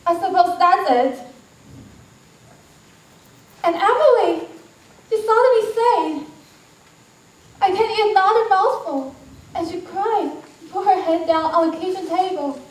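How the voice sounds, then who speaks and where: Woman acting a fretful scolding mother, stage play, very high voice, roomy hall, music behind. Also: a little slow, long pauses. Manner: worried, scolding. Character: fretful middle-aged mother on her son's wedding day. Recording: echoey hall, far from the mic, music behind.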